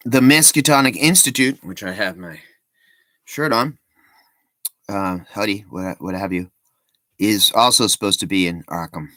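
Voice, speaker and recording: A man's voice: low voice, measured pace, pauses often, pushed and bright, dry recording. A man giving casual, rambling commentary as a vlogger, breaking off with joking asides and plenty of ums and restarts.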